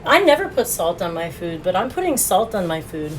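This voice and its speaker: A woman's voice: fairly low pitch, sing-song, brisk, slight background noise, poor audio. A woman streaming a casual food review, chatting with her viewers and laughing often as she eats, recorded on a phone. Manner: chatty, laughs often, talks while eating.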